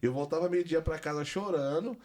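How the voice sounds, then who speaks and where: A young adult man telling a personal story in a conversational way, animated and acting out the voices of the people in it. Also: on the high side, brisk. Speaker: guest giving a testimony.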